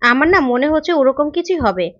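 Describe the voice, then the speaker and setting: Woman doing a nosy daughter, complaining, high pitched, lo-fi dull sound. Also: animated, a little fast, a bit bright, dry recording. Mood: prying. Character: nosy suspicious married daughter. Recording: dull, lo-fi recording.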